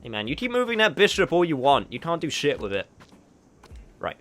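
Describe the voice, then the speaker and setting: A gaming streamer whose first language isn't Japanese thinks aloud while playing, muttering his moves, swearing now and then, and chatting with viewers. His slightly high, fairly bright voice swoops wildly in pitch and moves a little fast in this casual gameplay commentary.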